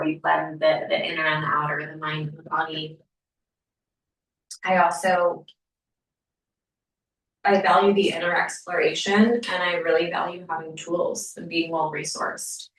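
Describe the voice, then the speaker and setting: A woman guides a small group through a somatic workshop, her voice gentle and sometimes sinking to a soft whisper. She sits a little back from the mic, and the room around her rings with echo. Her pitch sits low for a woman. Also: fairly even intonation, a little slow, pauses often. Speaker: somatic practitioner leading a workshop. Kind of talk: workshop teaching and Q&A. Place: room at a wellness center with a live group. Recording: echoey room, mic far off.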